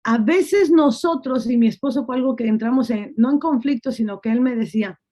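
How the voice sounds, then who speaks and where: High-voiced woman preaching a testimony. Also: a little fast, mellow. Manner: storytelling, acting out quotes, repetitive. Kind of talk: testimony sermon.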